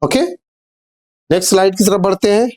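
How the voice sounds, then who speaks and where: A man's voice: sits high, steady tone, darkish tone. A man teaching English grammar in a classroom-style lesson. He explains patiently, asks questions and answers them himself, and addresses his viewers as dear children. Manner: reads English example sentences slowly and deliberately.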